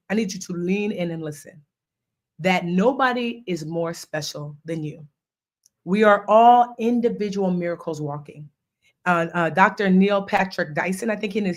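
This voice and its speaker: A woman in her forties hosting a live session, talking casually and animatedly, telling stories and acting out quoted voices. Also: mid-range voice. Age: 40s. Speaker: host. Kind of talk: casual live coaching talk.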